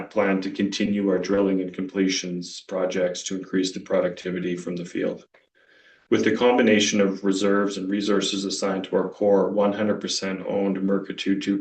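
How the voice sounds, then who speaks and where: A deep-voiced man talks on a conference call in a level, even tone, explaining technical plans step by step. His voice comes across as distant and roomy, as if he is speaking some way off from the microphone. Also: a little hiss or hum. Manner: measured, technical, walks through slides with restarts. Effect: conference call audio. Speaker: company executive presenting operations. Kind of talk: earnings call presentation.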